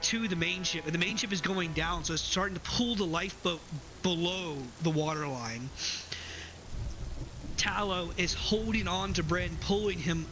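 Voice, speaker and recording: A man narrating as game master of a tabletop game, calm and descriptive. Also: sits high, moderate pace, soft background music, low-quality recording.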